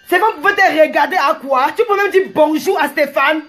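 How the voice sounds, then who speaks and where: A woman, ranting combatively at commenters on a live stream, rambling and breaking into shouts. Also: high-pitched, normal speed. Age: 40s.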